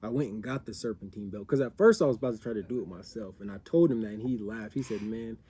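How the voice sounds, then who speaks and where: A man's voice: lowish voice, quick pace, dark tone, breathy edge. A man casually chatting as a vlogger, telling a story in a rambling way with restarts. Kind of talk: casual chat.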